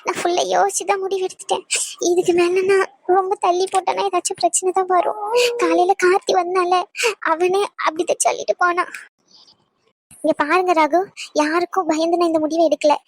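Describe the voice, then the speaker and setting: A woman voicing an anxious young bride-to-be in a cartoon, pleading softly. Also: extremely high pitch, little pitch movement, brisk, dry recording.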